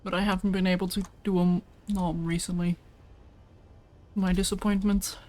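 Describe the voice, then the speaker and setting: A woman's voice: fairly low pitch, little pitch movement, normal speed, darkish tone. A woman chatting casually with a co-player while streaming a video game, rambling about food and snacking between sentences. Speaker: livestreamer. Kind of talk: casual chat while gaming.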